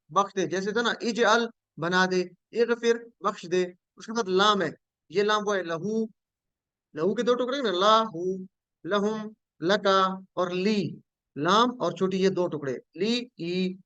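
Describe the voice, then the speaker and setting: A man's voice: high-pitched, a little slow, fairly bright tone, clean tone, no room sound, dull audio. A man teaching a Quranic Arabic lesson, patiently repeating each word and quizzing his students.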